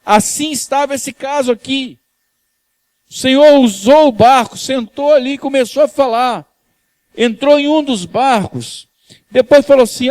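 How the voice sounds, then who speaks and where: High-voiced Rio pastor, chatty sermon. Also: male voice, darkish tone, no room sound. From Brazil. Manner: conversational, teases the congregation, asks "amém?". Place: church.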